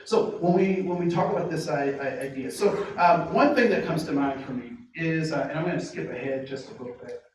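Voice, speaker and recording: An American diversity trainer leads a workshop for a live group in a training room with tables, posing many rhetorical questions and slowing down to stress key phrases. His voice is on the high side and a little mellow. A distant mic picks up the room, so he sounds far away in heavy echo with faint noise.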